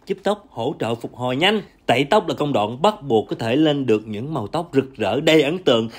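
A young man, a salon owner narrating a chatty, instructive hair-care tutorial over the video. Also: medium pitch. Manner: chatty, instructive, addresses viewers warmly as family.

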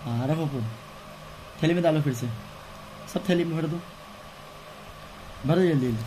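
A young man talking fondly and chattily to the camera at home, gently scolding a toddler. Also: fairly high pitch, moderate pace. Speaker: family vlogger. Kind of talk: casual home vlog chat. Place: home room with babies. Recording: noisy home phone recording.

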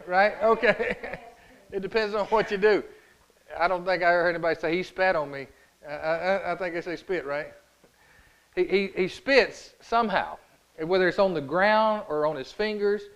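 A man's voice: a little high, poor audio. A male pastor giving a conversational sermon. He often stops to ask the congregation rhetorical questions, and his speech halts as he repeats words and restarts. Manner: folksy, asks the congregation frequent rhetorical questions.

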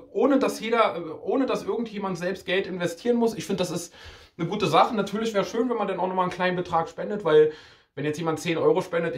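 A man of twenty-two talking casually to the camera, informal and slangy, often repeating words as he goes. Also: high voice. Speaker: video creator. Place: small indoor room.

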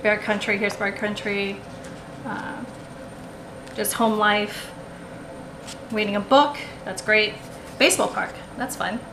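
Sitting indoors at a table with the camera overhead, a haul vlogger casually walks through her haul in a creaky, medium-pitched voice. She rambles, with lots of ums and restarts. The camera recording catches an echoey room and background noise.

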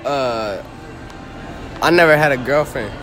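A man's voice: mid-range voice, measured pace, a bit bright, faint music behind, rough recording. A fourteen-year-old boy answering a mall street interview, giggly and blunt. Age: teens. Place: indoor shopping mall.

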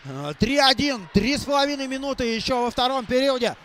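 A man doing live hockey play-by-play, halting and repeating phrases for emphasis. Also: very high-pitched, a bit bright, slight background noise. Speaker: hockey commentator. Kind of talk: live play-by-play sports commentary.

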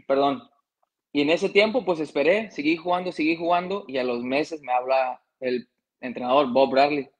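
A man's voice: on the high side, moderate pace, rough recording. A man in his thirties from Mexico, a former footballer telling his story in a casual interview, conversational, excusing his coughs and slips.

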